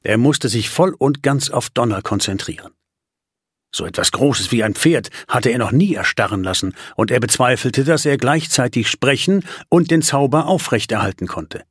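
A man narrating a storybook in a measured, vivid way, recorded close on a studio mic. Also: medium pitch, expressive, husky, dry recording. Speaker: audiobook narrator. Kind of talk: storybook reading.

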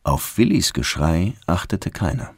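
Man, deep voice, lively expressive reading, children's story, dry close sound. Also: husky, no room sound. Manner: expressive, slows for tense moments. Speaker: narrator.

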